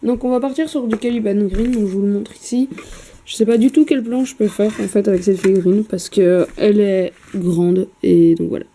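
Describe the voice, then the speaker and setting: Sitting at her home painting desk, a woman narrates a miniature paint job into a camera mic, chatty yet hesitant, tossing in fillers and offhand swear words. Her very dark, mellow voice is mid-range and steady at a normal speed, with slight background noise.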